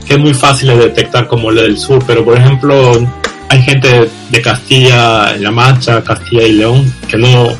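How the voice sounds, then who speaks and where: A man's voice: mid-range voice, fairly even intonation, moderate pace, faint music behind. A man interviewing a guest in a casual chat, often ending remarks with a questioning tag. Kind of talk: casual conversation.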